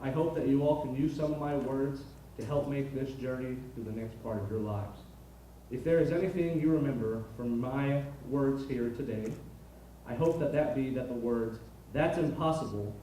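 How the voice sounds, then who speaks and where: A man's voice: mid-range voice, moderate pace, mellow. A young man giving a prepared motivational speech as a student leader to an audience in a large auditorium. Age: young adult. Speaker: student body president addressing freshmen. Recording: very echoey hall, distant, faint noise.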